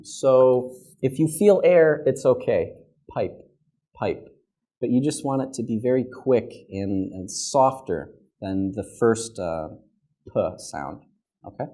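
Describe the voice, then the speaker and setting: A man's voice: on the low side, mellow. A young man teaching English pronunciation in a classroom at a whiteboard, speaking patiently and repeating each model word several times.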